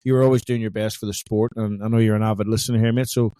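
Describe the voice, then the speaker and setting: Male co-host, low and mellow, chatty banter, dry close recording. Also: flat delivery, racing, clear, resonant tone, dry recording. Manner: chatty, joking, leans on "mate". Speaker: podcast co-host. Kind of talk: casual sports chat.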